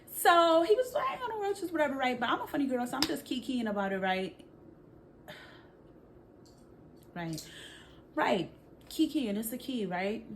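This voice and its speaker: A young woman from Brooklyn, New York, telling a storytime vlog in an animated, chatty, slang-filled way, talking straight to her viewers. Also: on the high side, a little hiss or hum. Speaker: vlogger.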